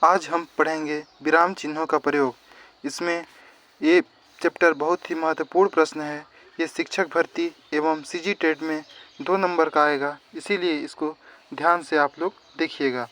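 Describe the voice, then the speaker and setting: A man's voice: fairly high pitch, fairly even intonation, moderate pace, a bit bright. A male teacher gives an exam-prep grammar lesson, explaining step by step and repeating definitions.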